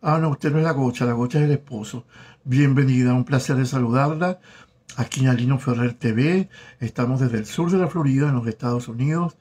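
Brief: man, 40s, husky mid-pitched voice, affectionate live-stream host reading out names. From Venezuela. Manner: warm, flirtatious, reads viewer names aloud haltingly. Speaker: host of a live stream chat, former telenovela actor. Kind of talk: casual live-stream chat reading comments. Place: home in South Florida.

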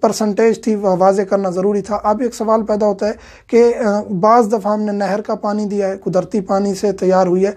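A man teaching a religious lecture in a steady, explanatory way, with frequent filler sounds. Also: high-pitched, few pauses.

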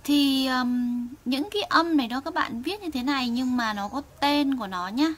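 Woman, Vietnamese teacher of Korean, slightly high voice, patient and clear for learners. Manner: slow, patient, drills sounds for students to repeat. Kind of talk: online language lesson, reading aloud for learners.

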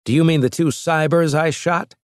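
A man voicing a bold male starship captain who talks forcefully, quickly and with sarcasm in an audiobook. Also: a little high, fairly even intonation, no echo, clean studio sound, pitched above the performer's own voice, lightly acted. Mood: commanding. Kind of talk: audiobook character voice.

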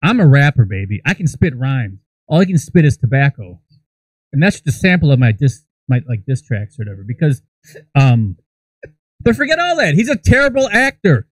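A thirtysomething American man co-hosts a podcast, ranting comically and crudely about movies with plenty of swearing and strong opinions. He talks briskly in a medium-pitched, sing-song voice, close on the mic in a small studio room, with no echo but a rough recording.

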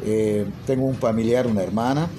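A Peruvian English teacher who owns a language school talks casually into a phone held at arm's length in a small room, making a selfie video. His voice is on the low side, and he hesitates a lot, filling pauses and tacking tag questions onto his sentences. A steady hiss runs underneath.

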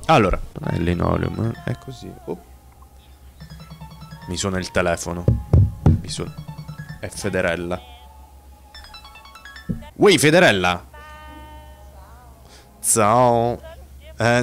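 A man doing casual, joking let's-play commentary, rambling with restarts. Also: lowish voice. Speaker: gaming youtuber.

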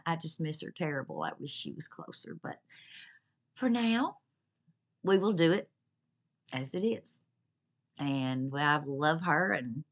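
A woman's voice: sits low, fairly bright tone. A woman chatting casually to the camera at home about a shopping haul, gushing and repeating herself as she talks. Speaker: vlogger reviewing a shopping haul. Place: at home with her pets nearby.

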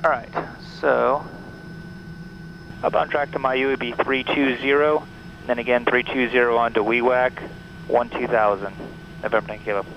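A man in his thirties speaks through a headset in a small plane's cockpit, calmly walking through each checklist item in order. His voice sits in a middle range and sounds a little muffled. Steady engine noise runs loud under every word. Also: medium pitch, normal speed, creaky. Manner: methodical, running through checklists aloud. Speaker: bush pilot. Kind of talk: cockpit vlog narration and radio calls.

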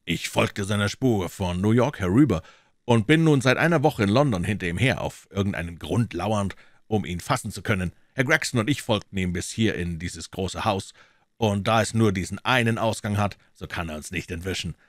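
A man voicing an earnest young male American detective who talks urgently and loudly. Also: lowish voice, animated, moderate pace, dry recording, clean studio sound, lightly acted.

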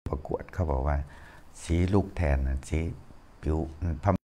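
Older monk with a low, dark voice. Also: male voice, unhurried, slight background noise. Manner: chatty, folksy, chuckles while telling stories. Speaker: Buddhist monk giving a dharma talk. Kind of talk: casual sermon with anecdotes.

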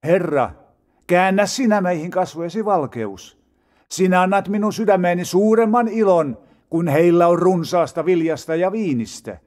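A man reading psalms aloud in a solemn, measured way with dramatic rises and falls. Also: high voice, a little mellow. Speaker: Bible reader. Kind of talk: scripted scripture reading.

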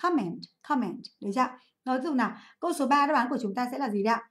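A woman from Vietnam teaches an exam review lesson over a livestream, and her voice sits a little higher than most women's. She keeps asking the class questions and answering them herself. She repeats the practice words slowly so the students can follow. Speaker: English teacher.

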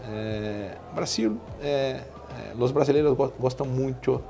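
Brazilian man speaking halting Spanish. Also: mid-range voice, creaky, warm tone. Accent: Brazilian Portuguese. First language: Portuguese. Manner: halting, with many fillers and restarts. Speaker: veterinarian in equine nutrition. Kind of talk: interview answers. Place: indoor exhibition stand. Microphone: lapel.

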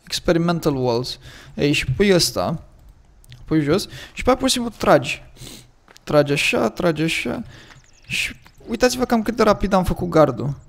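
A man with a Romanian accent chatting casually as he plays and thinks aloud, his voice a little hoarse from the early morning. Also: fairly high pitch, very animated. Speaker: gaming commentator. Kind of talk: casual gameplay commentary.

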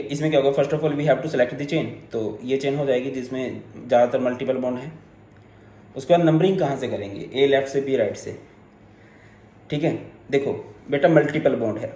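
A male chemistry teacher gives an online lecture in a slightly high, mellow voice. He walks through each step, slips English terms into his sentences and teases his students along the way. The sound has a roomy echo.

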